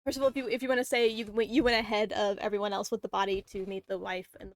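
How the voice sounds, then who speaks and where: A woman narrating as dungeon master, with quick, halting restarts. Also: mid-range voice, little pitch movement, dry recording. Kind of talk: narrating a tabletop game.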